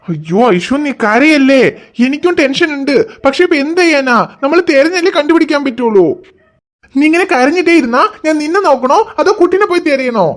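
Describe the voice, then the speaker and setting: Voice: sits high, expressive, brisk. A voice actor playing a worried husband in a cartoon, firmly reassuring his wife. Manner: reassuring, firm.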